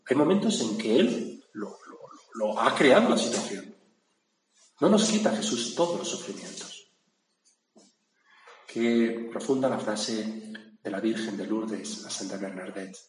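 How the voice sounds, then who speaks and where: A man's voice: fairly low pitch, lively intonation, a little slow, pauses often. A man from gives a reflective gospel sermon. He talks conversationally and often checks in with his listeners. The sound is roomy, with a long hall reverb and faint background noise. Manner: conversational, with asides asking "¿no?". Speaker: preacher.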